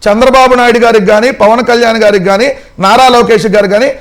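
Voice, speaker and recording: A man on a TV news panel, arguing in a heated way with mocking, rapid rhetorical questions. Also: very high-pitched, fairly even intonation. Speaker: political panelist.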